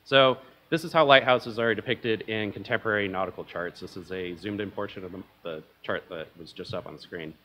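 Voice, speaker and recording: A young man speaks from a lectern at a conference, his voice sitting a little low. He talks casually and a bit self-deprecatingly, with plenty of ums and uhs as he explains his slides. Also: a little fast, hardly any pauses, pushed and bright, slight background noise. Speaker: conference presenter. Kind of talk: academic conference talk.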